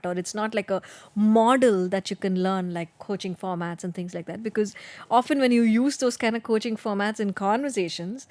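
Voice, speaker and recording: A woman's voice: medium pitch, no room sound. A woman co-hosting a podcast, asking long chatty questions with lots of fillers. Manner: chatty, many fillers, laughs lightly. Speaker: podcast co-host. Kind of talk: conversational podcast interviewing.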